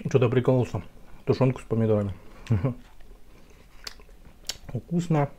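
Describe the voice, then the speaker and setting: Casual male food vlogger speaking with a mouth full, warm relaxed tone, light background noise. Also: mid-range voice, a little slow. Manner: casual slangy, talking while eating. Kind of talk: casual mukbang review.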